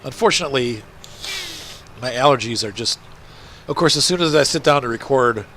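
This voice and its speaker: A man's voice: mid-range voice, expressive, a little fast, pushed and bright, slight background noise. A man with a congested, blocked-up nose giving casual, rambling gameplay commentary as a video host. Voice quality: congested, blocked nose, nasal stuffy sound.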